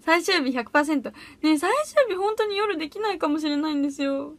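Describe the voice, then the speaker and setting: In a dry recording, a teen girl speaks at a quick pace with an expressive, high-pitched voice. Streaming solo from a small room at home for an audition, she reacts to viewer comments in a casual, bubbly, giggly way.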